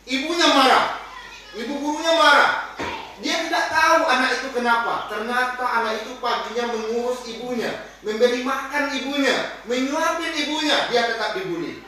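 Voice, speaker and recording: A man presenting to fellow teachers, animated, switching between loud scolding lines and low calm asides. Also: normal speed, distant mic, a little hiss or hum. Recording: very echoey room, voice from off-mic.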